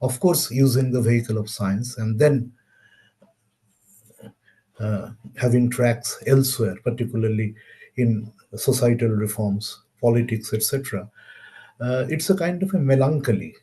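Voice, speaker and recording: Indian male lecturer, warm low-key tone, slow and deliberate with fillers. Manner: measured, halting with pauses and fillers. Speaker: webinar speaker. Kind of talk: lecture on science history.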